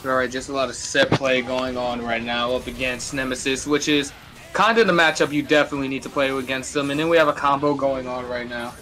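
A man's voice: medium pitch, fairly even intonation, brisk. A man giving casual live play-by-play commentary on a fighting game. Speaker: esports match commentator.

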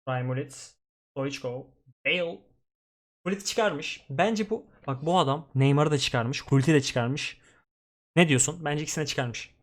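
A young man streaming a football video game, commenting live, swinging from grumbling to excited shouting. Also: a little high, moderate pace. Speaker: gaming streamer.

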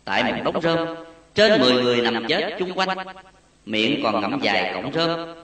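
Man narrating a sacred memoir, slow and solemn, bright voice, heavy echo. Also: medium pitch. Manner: slow, solemn, lively rise and fall. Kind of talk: reading a Buddhist memoir story aloud. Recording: echoey and distant.

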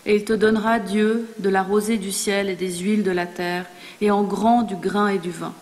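Woman reading an aged father's blessing, solemn and unhurried, with long reverb. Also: mid-range voice, steady tone, darkish tone, natural voice. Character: old blind father giving a solemn blessing. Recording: long reverb in a large hall.

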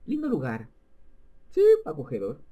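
A man's voice: mid-range voice, huge pitch swings, measured pace, dark tone, husky, full character voice. A man reading the lines of a stern, formal middle-aged father in a video game.

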